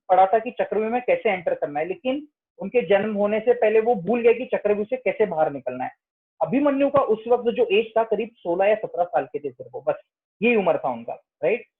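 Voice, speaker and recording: A man's voice: sits high, husky. A man explaining stories from an ancient epic to a group, checking in often with rhetorical questions. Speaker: spiritual discussion speaker. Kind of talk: explanatory talk on scripture. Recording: tinny phone-like line.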